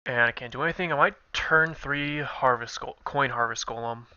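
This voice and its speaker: A young man with a stuffy nose commentates a card game, thinking aloud in a casual, low-key way at normal speed. His tone is bright, forceful, and clean, captured in a dry but dull lo-fi recording.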